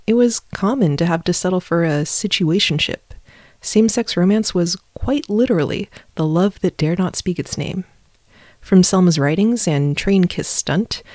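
A woman with a lowish voice narrates history from a script. She drops in wry, casual asides. The sound is dry and close, recorded on a low-budget home mic. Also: mellow, no echo. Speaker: history channel host.

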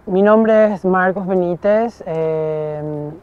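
A man's voice: high voice, drawn-out words, smooth. A man from Paraguay explains his art workshop for a documentary, stopping often to gather his thoughts. The recording sounds a little dull and muffled. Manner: explanatory, with frequent fillers. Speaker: workshop artist. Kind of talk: documentary interview.

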